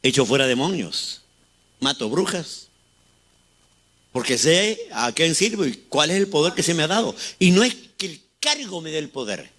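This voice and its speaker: A man's voice: a little high, big pitch swings, moderate pace, a bit bright. A man in his sixties with a Chilean accent preaching a fervent sermon, asking the congregation rhetorical questions. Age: 60s. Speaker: pastor.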